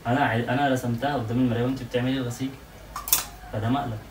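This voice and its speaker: Fast-talking Egyptian man, echoey far phone. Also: mid-range voice, steady tone. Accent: Egyptian Arabic. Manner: stammering, defensive denials. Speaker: prankster husband, channel co-host. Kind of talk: casual prank argument at home. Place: home room. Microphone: phone set up across the room. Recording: echoey room, camera far off, noisy.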